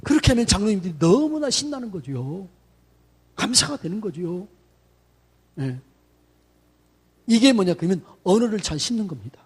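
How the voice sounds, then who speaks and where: A middle-aged man, a senior pastor, gives a chatty, lively sermon to church staff and acts out greetings in quoted voices. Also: high voice, normal speed, pauses often, husky. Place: church sanctuary.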